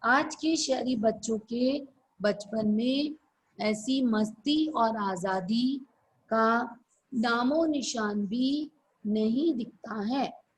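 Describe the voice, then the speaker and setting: A woman teacher dictating answers slowly in an online class over a video call, repeating each phrase for her students. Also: a little high, a little hiss or hum, low-quality recording. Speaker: school teacher.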